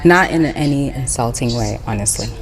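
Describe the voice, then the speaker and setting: A woman's voice: very deep voice, expressive, normal speed, over music. A woman from Kenya and Ghana answering street-interview questions in a frank, hedging way.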